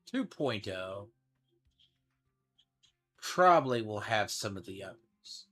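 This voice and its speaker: Man, unhurried, lowish voice, casual gaming commentary, rambling, faint game music behind. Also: very animated, bright, forceful tone. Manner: rambling, thinking aloud. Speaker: gaming streamer.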